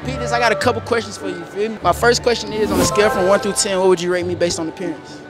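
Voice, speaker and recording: Loud music plays behind a young adult man who speaks rapid-fire in a high, steady voice. As host of a public interview vlog, he conducts casual interviews in a large indoor mall, full of playful slang and swearing. His voice comes through a wireless mic on the shoot.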